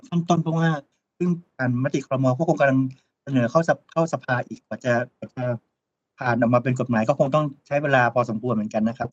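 A man's voice: medium pitch, fast talker, dull audio. A man speaking as a tax expert guest over a remote call whose audio glitches and stutters; he hesitates and repeats words. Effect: choppy, glitching call audio. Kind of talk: interview answers.

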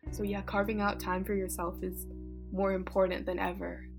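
Over background music, a woman speaks in a mid-range voice at a normal speed and a level tone. She's a fifteen-year-old teenage climate activist from Vietnam, looking back on her life in a casual, candid and thoughtful way, often slipping in "like" and "you know."

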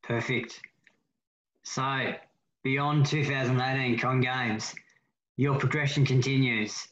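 A man's voice: medium pitch, steady tone, takes it slowly, a bit bright. A man interviewing an athlete, easygoing and encouraging. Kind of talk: casual interview talk. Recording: dull, roomy audio.

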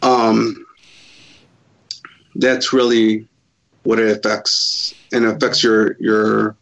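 Gravelly hesitant man from Chicago. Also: lowish voice, flat delivery, fairly bright tone. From Chicago, USA. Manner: halting, hesitant, many pauses. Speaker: guest. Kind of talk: casual interview answers. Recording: dull lo-fi sound.

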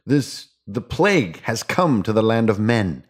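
Low-voiced, playful man hosting a podcast. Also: big pitch swings, unhurried. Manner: playful, theatrical, slangy. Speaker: podcast host. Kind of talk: casual, rambling tabletop gaming podcast talk.

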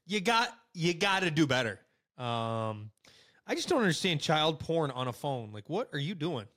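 A young man co-hosting a casual podcast, animated, blunt and joking as he runs through local news. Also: on the high side, normal speed. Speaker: podcast co-host.

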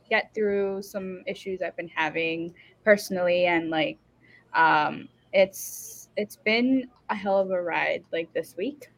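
A young woman guest speaks casually at an unhurried, slow pace. Her voice is mid-pitched and she hesitates often. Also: vocal fry, lo-fi sound. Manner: hesitant, halting. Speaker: podcast guest. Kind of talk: casual chat.

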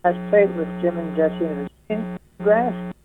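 A man's voice: high-pitched, noisy background. Man talking over a tinny phone line. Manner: friendly, unhurried, lists things off with fillers. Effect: heard over the phone. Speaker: folk music society representative, radio guest. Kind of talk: casual radio interview. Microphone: telephone.

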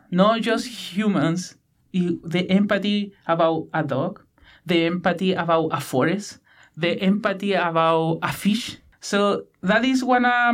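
Speaking with a Chilean Spanish accent, this high-voiced guest, a PhD student from Chile in his thirties, works through interview questions in hesitant English. He fills pauses often and keeps restarting his sentences.

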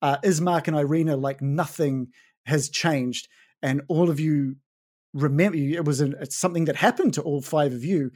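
A game master narrating a tabletop game in a relaxed, conversational way. The delivery is full of fillers and restarts, at a middle pitch. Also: normal speed. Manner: casual, filler-heavy narration.

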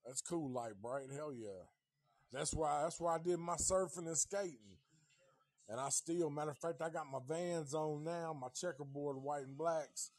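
On the high side and darkish in tone, this man's voice moves at normal speed in a dry recording. He's a Nashville livestream host in his fifties, loose and laid-back, drifting between topics with plenty of swearing.

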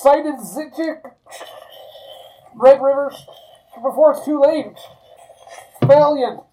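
A man's voice crackles through a radio signal that breaks up and fades in and out, as a game master puts him on. He pushes out clipped, urgent fragments, pitched well above a normal speaking voice. A faint hiss sits under the transmission. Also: slow, dark tone. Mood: urgent, broken. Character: male stranger on a garbled radio transmission breaking up. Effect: radio breaking up, fading in and out.

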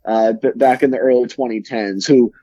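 A man's voice: medium pitch, steady tone, moderate pace, mellow. A man co-hosting a casual sports podcast, rambling with many restarts as he gives his views. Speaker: podcast co-host. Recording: dull, lo-fi sound.

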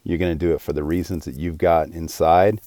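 A man's voice: sits low, steady tone, a little fast, warm tone, dry recording, clean studio sound. A man in his forties hosting his own podcast, talking alone in an earnest, rambling way with many restarts. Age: 40s. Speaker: podcast host. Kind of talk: casual solo podcast monologue.

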